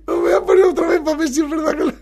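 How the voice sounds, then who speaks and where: A man with a Spain accent hosting a comedy podcast, commenting on TV clips in a casual, animated way and laughing often. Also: extremely high pitch, very fast, vocal fry. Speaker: podcast host.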